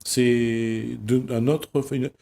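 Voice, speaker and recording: A male TV host asking guests halting, hesitant questions in a studio interview. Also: mid-range voice, little pitch movement, gravelly, crowd noise.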